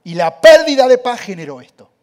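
A man's voice: extremely high pitch, sing-song, brisk. A man preaching a sermon, speaking animatedly and addressing the audience directly.

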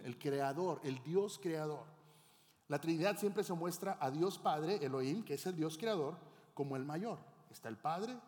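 A man's voice: fairly high pitch, darkish tone. A middle-aged male pastor preaching a teaching sermon, often asking the congregation questions. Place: church hall. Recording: long hall reverb.

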